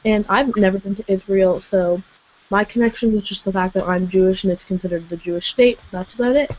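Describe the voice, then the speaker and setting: A woman's voice: medium pitch, steady tone, a little fast. A teenage girl from Ontario speaking frankly on an online call. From Ontario, Canada. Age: teens. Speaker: panelist. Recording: muffled call audio with faint noise.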